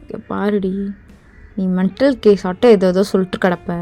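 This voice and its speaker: A woman's voice: mid-range voice, fairly even intonation, normal speed, dark tone, faint music behind, lightly acted. A woman voicing an irritated young boyfriend in a fan voice drama, with a curt, harsh, dismissive manner.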